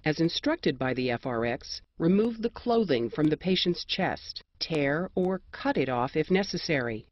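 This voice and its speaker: An American narrator reading scripted instructions in a measured, precise and formal manner. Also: mid-range voice, animated, no echo, muffled recording.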